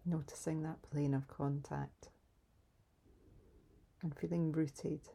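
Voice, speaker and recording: A woman leading a calm guided grounding exercise in a soft, soothing, unhurried way, pausing between instructions. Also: low voice, creaky, husky. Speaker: meditation guide.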